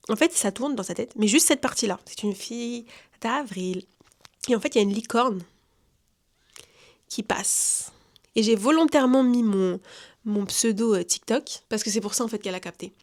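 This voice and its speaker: A young woman from France telling a personal story in casual slang, acting out what people said. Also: on the high side. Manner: chatty, lively slang, acts out quotes. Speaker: vlogger giving testimony.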